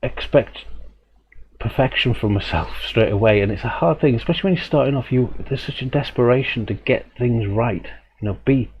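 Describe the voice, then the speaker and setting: A man's voice: mid-range voice, a little fast. A man teaching a live drawing stream, talking thoughtfully and rambling a little, often correcting himself and chuckling. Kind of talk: live drawing demo and chat. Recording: dull lo-fi stream audio with faint hum.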